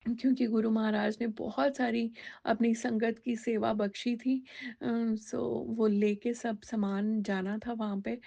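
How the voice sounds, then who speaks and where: A woman's voice: on the high side, flat delivery, measured pace, creaky, warm tone, muffled recording. A woman telling a personal devotional testimony in a conversational way, slipping English words into her talk with many fillers.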